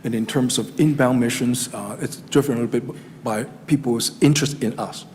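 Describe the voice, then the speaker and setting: Speaking at a moderate pace in a steady, slightly mellow medium-pitched voice, a middle-aged Chinese-accented man presents on regional economic development to a town council. His delivery is formal yet hesitant, with many fillers and restarts. The council chamber gives hall reverb and faint room noise.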